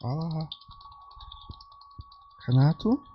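A man's voice: a little high, animated, drawn-out words, muffled recording. A man with a European Portuguese accent on a voice-chat prank, coaxing and then insulting his target. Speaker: prank caller. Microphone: headset on voice chat. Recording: loud noisy voice chat with clicks.

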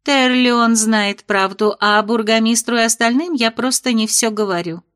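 Evasive fairy headmistress read by a woman, soothing yet dismissive, slightly high voice, audiobook character. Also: moderate pace, a bit bright, smooth, close to an everyday voice.

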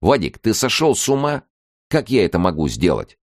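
A man voicing an indignant, high-strung male secret-police colonel in an audiobook, shouting in outrage. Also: huge pitch swings, normal speed, no echo, clean studio sound, exaggerated voice.

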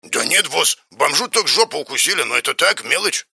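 A man reading an audiobook, voicing a cheeky male demon servant in a gravelly, husky voice. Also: fairly high pitch, animated, fairly quick, bright, forceful tone, no room sound, clean studio sound, voice pushed up, full character voice. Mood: offhand. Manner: casual, dismissive of the question.

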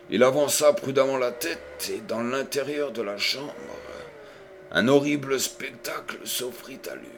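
Guy reading an adventure novel, slow and measured, noisy recording. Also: medium pitch. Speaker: audiobook reader. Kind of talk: scripted narration.

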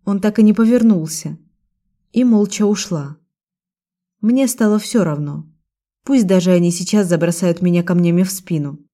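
A woman giving a steady, even first-person narration of a novel as an audiobook reader. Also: on the low side, normal speed.

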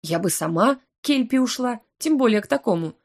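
A woman reading the lines of a patient young elf girl who comforts her friend in a soft, coaxing way, in an audiobook. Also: on the high side, lively intonation, a little fast, pitched above the performer's own voice. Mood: soothing. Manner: gentle, coaxing.

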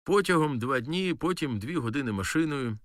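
A man's voice: medium pitch, animated, moderate pace, a bit bright, no echo, studio quality, voice pushed up, close to an everyday voice. A man voicing naive young male soldiers in an audiobook, answering in a raised, guileless voice.

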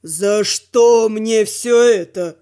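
A woman voicing a stern, weary male riding teacher in an audiobook, talking gruffly and with exasperation. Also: mid-range voice, a little slow, darkish tone, pitched below the performer's own voice, close to an everyday voice. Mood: exasperated.

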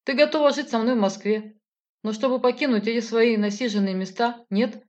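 A woman's voice: on the high side, a little fast, a little mellow, voice pushed up, lightly acted. A woman voicing an emotional, impulsive grown man who pleads and argues with his partner. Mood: heated. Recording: slightly dull lo-fi audio.

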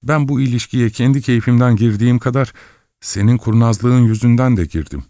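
A man's voice: medium pitch, moderate pace, warm tone, dry recording, studio quality, voice pushed up, close to an everyday voice. A man voicing a passionate, jealous young merchant's wife who speaks in a pleading, possessive way in an audiobook.

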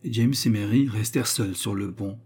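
Mellow, husky male storyteller. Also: lowish voice. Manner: measured, storytelling. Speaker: narrator. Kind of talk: scripted audiobook narration.

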